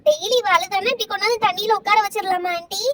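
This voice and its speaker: A woman with a Tamil accent voicing an excited little girl who keeps calling out for aunty in a doll play story. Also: very high-pitched, fast, heavy background noise. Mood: eager. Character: excited little girl helper, chatty and nosy.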